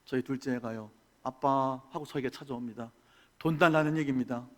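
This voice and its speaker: A middle-aged man preaching a sermon as senior pastor, swinging between hushed pleading and loud emphatic lines. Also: medium pitch, fast talker. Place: church sanctuary. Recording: church hall with long reverb.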